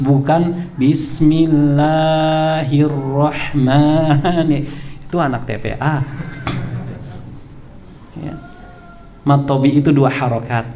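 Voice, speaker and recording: An Indonesian man teaching a mosque study circle, his voice a touch higher than most men's. He repeats key points and stretches out the terms he wants remembered. A faint hiss runs under the recording. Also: darkish tone. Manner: repeats key points, drawls terms slowly, chuckles with the congregation. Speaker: religious teacher. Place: prayer room hall.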